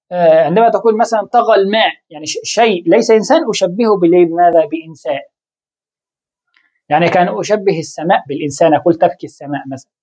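A woman teaching a lesson, asking herself questions and answering them, with halting restarts. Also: medium pitch, a little mellow, dull audio. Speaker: Arabic grammar teacher. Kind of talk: explaining a lesson.

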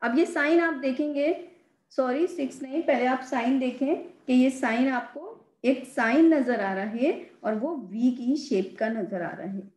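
A woman teacher with a high voice walks young students through a math lesson, slowly and patiently. She repeats the key words and stresses each one. The voice rings in an echoey room. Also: a little mellow.

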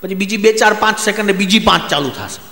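A Gujarati-accented man tells comic stories on stage, bouncing between narration and his friends' voices. His voice sits high. It rings out through a big echoing hall. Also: quick pace. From Gujarat, India. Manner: lively joke telling, voices friends in quotes. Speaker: stand-up comedian. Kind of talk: stage comedy storytelling.

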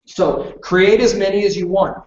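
A man's voice: sits high, normal speed. A man from western Canada leading a live classroom presentation in front of an audience. He talks in a chatty way and keeps checking in with "okay?". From British Columbia, Canada. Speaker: workshop presenter. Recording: roomy, distant, dull room recording.

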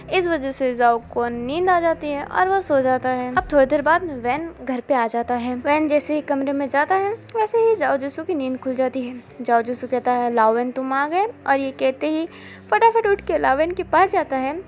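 High-voiced woman reading a story. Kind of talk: reading a romance fan story aloud.

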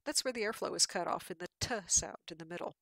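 A woman's voice: lowish voice, fast, a bit bright, no room sound. Patient woman explaining with slides, dry sound. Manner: explanatory, patient, with frequent fillers and restarts. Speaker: lecturer. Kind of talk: recorded lecture with slides.

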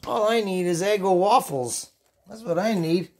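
A man's voice: sits high, moderate pace, background noise. A man in his fifties rambling casually to camera as host of a home cooking vlog, giggly and tipsy, goofy and sweary, repeating himself, recorded on a phone in a kitchen. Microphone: phone, handheld then propped nearby.

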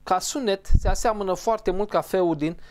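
In a high, slightly mellow voice, a man teaches pronunciation as a language teacher, going over every sound again and again with patience and carefully describing how each one is produced.

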